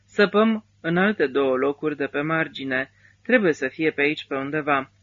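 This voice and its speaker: A man's voice: a little high, a bit bright, highs cut off, lightly acted. A man reading the part of a tired priest who is puzzled while searching a site.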